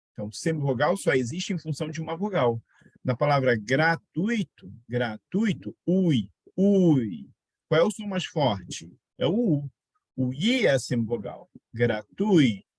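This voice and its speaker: A man's voice: a little high, husky, no room sound. A man teaching a grammar lesson, repeating example words and quizzing his students. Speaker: Portuguese teacher. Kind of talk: online exam-prep grammar lesson.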